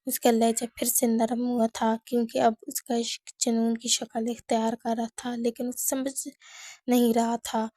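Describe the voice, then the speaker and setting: A woman narrating a romance novel aloud in a calm, steady reading voice. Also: on the high side, moderate pace, no echo, clean studio sound. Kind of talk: audiobook narration.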